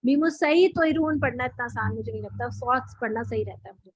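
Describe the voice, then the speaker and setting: A woman's voice: fairly high pitch, a little fast, husky, no room sound, muffled recording. A woman teaching a recitation class, explaining patiently, often repeating and correcting herself. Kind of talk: online class lesson.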